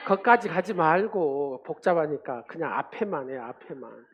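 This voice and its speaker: A man's voice: on the high side, lively intonation, normal speed, muffled recording, slight background noise. A man preaching a sermon in a church. He speaks emphatically and leads the congregation in call-and-response. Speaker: pastor. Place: church sanctuary.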